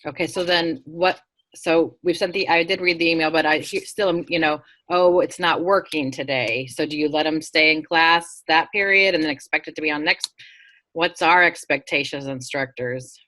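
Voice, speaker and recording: A woman instructor asks practical questions on a video call. Her voice is low-pitched, and her manner is earnest and probing. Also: fairly even intonation, moderate pace, bright, forceful tone.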